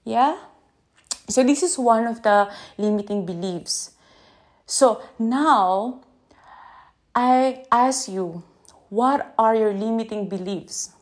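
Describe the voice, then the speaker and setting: A woman with a Filipino accent hosting an unscripted podcast into her phone, gently guiding breathing and then talking in a halting way with many restarts. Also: fairly high pitch. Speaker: podcast host.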